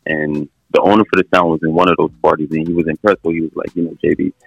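A man's voice: rumbling low, flat delivery, fast, vocal fry, no room sound, faint music behind. A man chatting casually as an interview guest on a phone call, slangy and laid-back. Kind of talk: casual chat.

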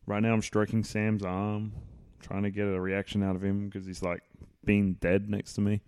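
A man's voice: fairly low pitch, level tone, normal speed, darkish tone, smooth, dry recording, studio quality. A man hosting a podcast, chatting casually in a joking, playful, rambling way while he watches a film. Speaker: podcast host. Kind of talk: casual chat.

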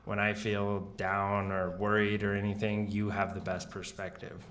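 A relaxed young man with a somewhat low voice, talking casually with his partner on a podcast. He laughs often and swears freely. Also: moderate pace. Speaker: podcast co-host.

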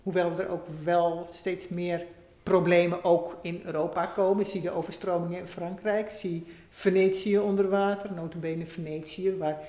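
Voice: mid-range voice, level tone, moderate pace, warm tone. Thoughtful guest in a roomy echo. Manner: thoughtful, explanatory, with frequent restarts. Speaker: interview guest, essayist. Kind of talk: conversational interview.

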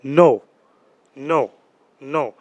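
A man's voice: mid-range voice, drawn-out words, no room sound, highs cut off. A man with a London roadman accent and slang, co-hosting a heated casual chat, swearing often and repeating phrases for emphasis. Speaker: podcast co-host.

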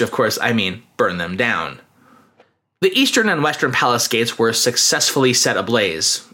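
A man's voice: mid-range voice, sharp tone. A man narrating a scripted history podcast, with wry, humorous asides.

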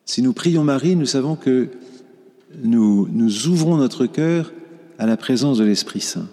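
A man preaching a sermon as a priest, slow and reflective, often restarting his phrases. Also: mid-range voice, lively intonation, mellow, long reverb tail.

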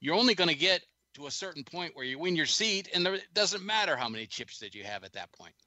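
Very bright-voiced male host. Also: fairly high pitch, very animated, quick pace, dry recording. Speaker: interview host. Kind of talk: casual interview.

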